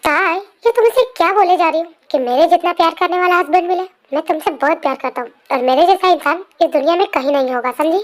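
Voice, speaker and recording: A woman voicing a possessive, quick-tempered young husband in a fan story narration, talking bossily. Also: extremely high pitch. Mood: scolding, angry. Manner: bossy, scolding, then doting. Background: faint music.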